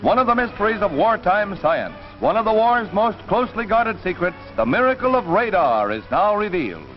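A man's voice: high-pitched, very animated, moderate pace, dull audio, over music. A man narrating an old wartime newsreel in a dramatic announcer style, played from an archive recording.

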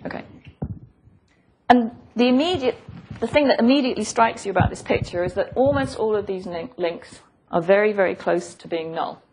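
Woman, academic lecturer, professorial, hesitant and thoughtful, repeated phrases, medium pitch, light background noise. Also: animated, moderate pace, darkish tone. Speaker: physics lecturer. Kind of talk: academic lecture, explaining a diagram. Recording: noisy lecture recording with clicks.

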